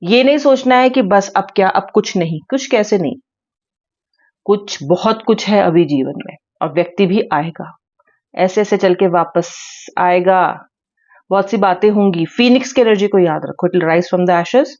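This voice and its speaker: A woman's voice: mid-range voice, unhurried, a little mellow, highs cut off. A woman giving a tarot reading to her viewers, speaking earnestly and repeating her key words. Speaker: tarot reader.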